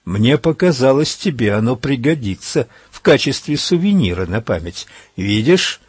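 A man's voice: medium pitch, very animated, moderate pace, husky, dry recording. A man reading the lines of a taunting male gangster who calls out jeeringly, in an audiobook. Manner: jeering, calling out.

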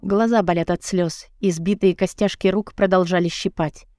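A woman's voice: on the low side, steady tone, normal speed, a little mellow, no echo, clean studio sound. Woman narrating an emotional audiobook. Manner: emotional, dramatic first-person reading. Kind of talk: first-person audiobook narration.

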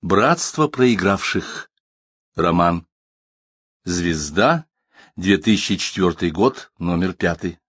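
A man narrating a literary audiobook in a measured, expressive reading voice. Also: sits low, husky, dry recording, studio quality.

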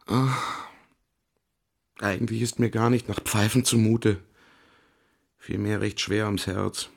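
In a radio play, an actor with a lowish, gravelly voice and a steady tone plays a troubled artist and ladies' man who justifies himself. He confides haltingly and theatrically, exaggerating the voice.

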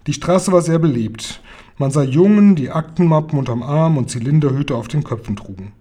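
A man reading a children's novel aloud with calm, measured narration. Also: on the high side, breathy edge. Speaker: reader.

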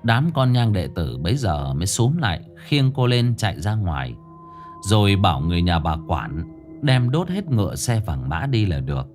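A man narrating a scripted ghost story in a dramatic, expressive storytelling manner. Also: lowish voice, moderate pace, soft background music.

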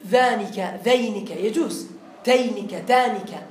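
A man teaching an Arabic grammar lesson in a classroom, explaining slowly, repeating points and quizzing his students. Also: high-pitched, echoey room, a little hiss or hum.

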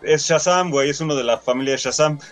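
A man's voice: fairly high pitch, fast talker. A man with a Mexican accent hosting a casual film discussion, slangy and mock-dramatic when he rants. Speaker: podcast host.

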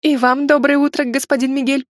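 A woman's voice: animated, moderate pace, no echo, studio quality. Woman doing a flustered young noblewoman. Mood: anxious. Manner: high, exclaiming, anxious.

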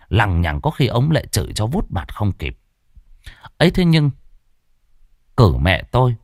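A man narrating a ghost story in an expressive storytelling manner. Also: medium pitch, no echo, studio quality.

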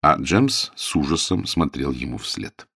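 A man narrating a story as an audiobook in a measured, expressive reading. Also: rumbling low, creaky, slightly rough, dry recording, studio quality.

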